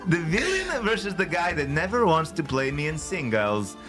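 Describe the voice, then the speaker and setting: A man's voice: a little high, very animated, normal speed, over music, pitched above the performer's own voice. A man voicing a boastful middle-aged male actor who issues a mock-villainous, slightly Dracula-ish challenge. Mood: taunting.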